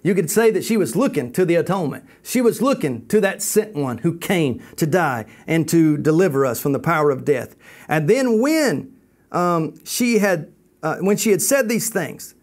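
A man's voice: a little high, a little mellow. A man teaching a Bible college class, reading scripture aloud and commenting on it with emphasis.

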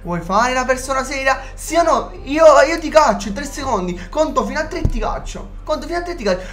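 A man chatting over an online game, excitable and switching between soft talk and shouting. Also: extremely high pitch, quick pace, faint music behind. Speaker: gamer and video host.

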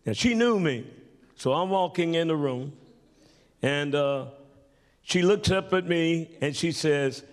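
A man tells a story from the pulpit in a high, unhurried voice. He rises from calm storytelling into shouted praise. The long reverb of a church hall trails every phrase. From Tennessee, United States. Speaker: pastor. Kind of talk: sermon with storytelling.

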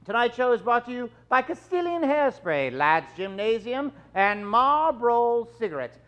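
On a theater stage, a middle-aged man hosts a live improvised radio show, his very high voice swinging widely in pitch at a normal speed. He adopts a theatrical, courteous old-time announcer style, delivering hesitant but polite showman patter. The live stage recording sounds dull and lo-fi.

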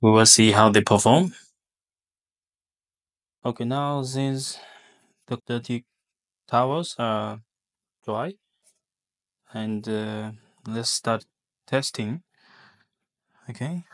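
Slow, halting man demonstrating a lab test. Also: medium pitch. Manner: halting, many fillers and restarts. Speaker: product demonstrator.

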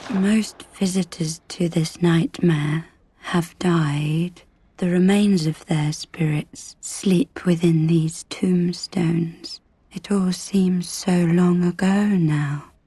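A woman voicing a meek, solemn and eerie talking doll in a video game, with a soft breathy voice and formal, measured speech. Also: on the low side, fairly even intonation, no echo, heavily acted. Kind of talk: video game character dialogue.

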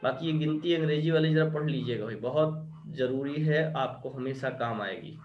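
A male teacher giving a classroom lecture at the board, drilling terms and checking understanding, often asking whether it is clear. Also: mid-range voice, moderate pace, echoey room, lo-fi sound, soft background music.

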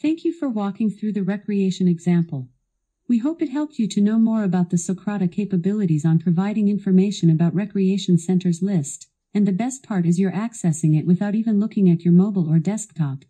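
In a warm, mid-range voice that runs a little fast, a female voice assistant delivers scripted narration for a product demo. Her style is polished and instructional, and every word is clearly enunciated.

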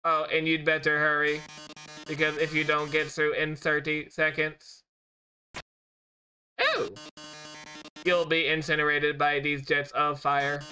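A man's voice: on the high side, bright, forceful tone, faint music behind. A man doing a put-on robot voice for a showy, taunting male robot TV host during gameplay commentary. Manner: theatrical, mocking, drawn-out taunts.

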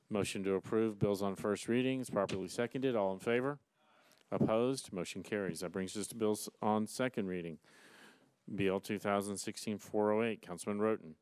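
A man's voice: lowish voice, a little mellow, smooth, no echo. Man chairing a council meeting, dry mic. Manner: brisk, formal, reads resolutions aloud with small slips. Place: large council chamber, seated at dais. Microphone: desk gooseneck mic.

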